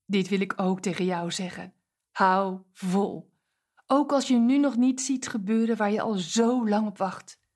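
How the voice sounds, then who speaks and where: A woman's voice: medium pitch, unhurried, darkish tone. A woman giving a short devotional message and prayer, speaking directly and encouragingly to the listener.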